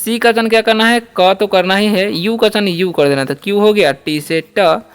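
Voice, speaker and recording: A man's voice: high voice, brisk, clear, resonant tone. A man teaching a beginners' spoken English lesson, explaining word by word and asking and answering his own questions. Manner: often adds "ठीक है" checks.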